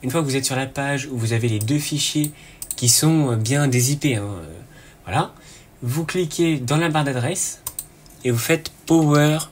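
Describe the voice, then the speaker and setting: A man hosting a casual screen-recorded tech tutorial, relaxed and chatty, often pausing with fillers and a quick "hop" as he clicks. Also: mid-range voice, slight background noise.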